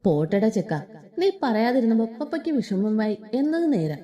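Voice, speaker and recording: A woman's voice: a little high, very animated, moderate pace, warm tone. A woman doing a jovial peacemaking uncle. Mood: coaxing. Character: easygoing joking uncle, peacemaker.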